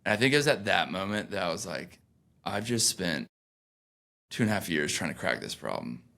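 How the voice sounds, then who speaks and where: A man's voice: deep voice, sing-song, fairly quick, creaky, pushed and bright. A young man, a founder being interviewed, talking in a loose and rambling way with many fillers and restarts. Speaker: founder, guest. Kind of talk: casual podcast interview.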